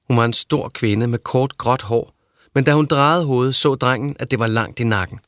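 A man narrating a novel in a steady, even reading voice. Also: mid-range voice, no echo, clean studio sound. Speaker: audiobook narrator. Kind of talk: scripted narration.

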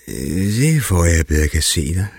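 A man doing the big bad wolf from a storybook reading, deep and growly. The voice is very low and dry, with a sly, hungry menace. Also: sing-song, breathy edge, no room sound, exaggerated voice. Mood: menacing.

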